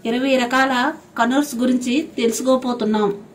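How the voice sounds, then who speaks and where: High-voiced woman reading a plain voice-over. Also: normal speed, slight background noise. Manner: reads short plain statements in a steady list. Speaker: narrator. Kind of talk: informational voice-over.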